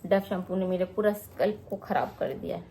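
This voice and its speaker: A woman's voice: on the low side, a little fast, warm tone, a little hiss or hum. A woman vlogger casually showing her beauty products and talking straight to her viewers. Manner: chatty, addresses viewers directly. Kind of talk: casual product show-and-tell vlog.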